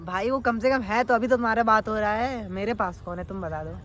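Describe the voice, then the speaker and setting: A man's voice: high voice, fairly quick, fairly bright tone, a little hiss or hum. A teenage boy chatting crudely in an unfiltered vlog, talking outdoors at night into a phone camera. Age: teens. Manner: crude, slangy, rambling banter. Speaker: vlogger. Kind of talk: casual unfiltered vlog chat.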